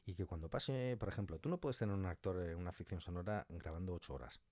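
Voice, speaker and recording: In a lively interview, a podcast guest who writes and directs audio fiction talks about his creative work with emphasis, acting out little quotes as he goes. He has a low, darkish voice and a quick pace, with no room sound.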